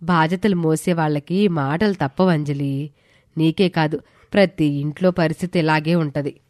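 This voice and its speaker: A woman voicing a calm older female friend who gives gentle, measured advice in an audio story. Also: sits low, no echo, studio quality, soft background music, lightly acted. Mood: soothing. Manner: soothing and measured.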